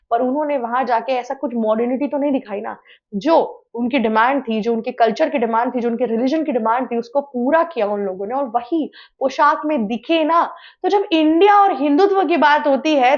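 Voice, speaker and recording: A woman presenting opinion commentary for a news channel, arguing earnestly and asking rhetorical questions. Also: fairly high pitch. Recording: slightly dull lo-fi sound.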